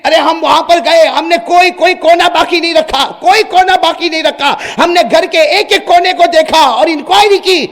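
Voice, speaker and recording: A preacher playing boastful soldiers who report to their king in loud, self-assured voices. The voice sits high and gravelly, and a long reverb trails after it. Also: few pauses.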